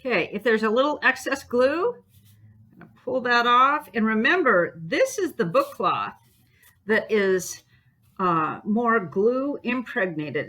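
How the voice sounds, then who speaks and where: Casting: woman, craft teacher, bright and animated delivery, chatty and encouraging, faint room noise. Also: on the high side. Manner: chatty and encouraging, hums and sings while working. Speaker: art teacher. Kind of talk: bookbinding demonstration.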